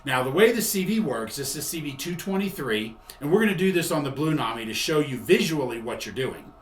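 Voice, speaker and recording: A man hosts a tutorial, demonstrating a product in a conversational, explanatory manner and often rephrasing what he's said. His voice is on the high side, sing-song, and a little fast. The room is echoey with faint background noise.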